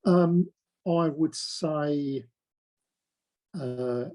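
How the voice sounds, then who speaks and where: A man in his forties tells his own story, his voice sitting on the high side with a dark tone and drawn-out words. He stammers, repeating words and getting stuck on sounds, and his reflective account is hesitant and full of restarts as he speaks in an interview.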